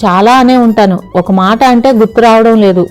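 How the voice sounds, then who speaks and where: Woman narrator doing a worried, doting mother in an audio story, a touch higher than her narration, soft music behind. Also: moderate pace, close to an everyday voice. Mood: fussing. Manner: anxious, affectionate. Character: fond, fussing middle-aged mother.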